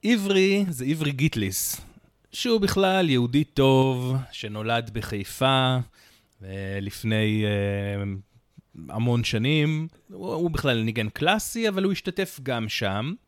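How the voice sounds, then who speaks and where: A man's voice: mid-range voice, expressive, no echo, clean studio sound. A man co-hosting a podcast, telling the story in a casual, chatty way with many fillers and little asides. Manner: chatty, recounts events with many fillers and quips. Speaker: podcast co-host.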